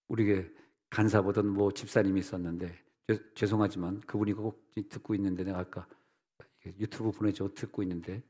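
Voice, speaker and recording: A man pastor preaching a revival sermon, telling stories and acting out the voices of church members. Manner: animated storytelling, mimics church members in high voices. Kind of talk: revival sermon with acted-out dialogue. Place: church sanctuary. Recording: long church hall reverb.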